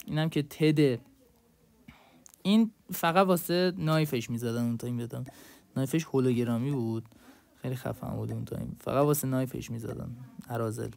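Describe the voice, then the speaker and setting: A man's voice: a little high, vocal fry, dark tone, dry recording. A young man giving casual, slangy gaming commentary and speaking straight to his viewers. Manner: chatty, slangy, addresses viewers directly. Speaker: mobile game content creator.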